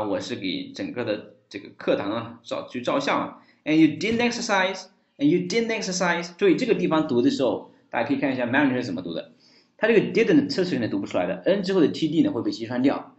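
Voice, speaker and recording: A male English teacher giving a language lesson on a dialogue, repeating phrases slowly to demonstrate them. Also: medium pitch. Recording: roomy, dull lo-fi.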